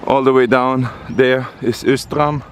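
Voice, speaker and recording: A man narrating a casual travel vlog outdoors on a rainy coast, in a halting way with many fillers. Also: medium pitch, fairly even intonation, noisy background. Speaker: travel vlogger.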